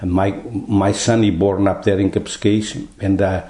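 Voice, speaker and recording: An older man from Portugal with a Portuguese accent, telling his story in an interview in halting, broken English with many repeated words. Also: sits low, little pitch movement, dark tone, reverberant, poor audio. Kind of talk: oral history interview.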